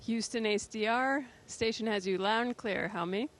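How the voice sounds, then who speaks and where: Higher-voiced woman astronaut explaining things simply. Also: moderate pace. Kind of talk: explaining to students in a live question session. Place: aboard a space station.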